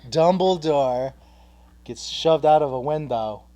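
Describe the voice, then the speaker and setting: A man's voice: fairly high pitch, slow pace, mellow. A man co-hosting a casual show, joking and laughing as he builds a toy set. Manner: jokey, laughs a lot, goes off on tangents. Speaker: co-host.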